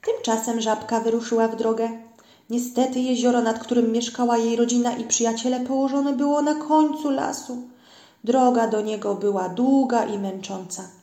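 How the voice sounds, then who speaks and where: A woman's voice: a little high, fairly even intonation, moderate pace, dark tone. Woman reading a children's story, roomy. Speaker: narrator. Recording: roomy echo.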